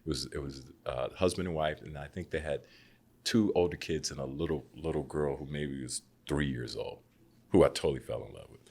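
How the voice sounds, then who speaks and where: A low-pitched American man in his fifties spins a tale as a podcast guest. He talks loosely and easily, jumping way up in pitch whenever he acts out what someone said. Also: brisk, husky. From United States. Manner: lively storyteller who acts out quoted people with big jumps in pitch. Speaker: guest, former pro basketball player. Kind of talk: casual storytelling chat.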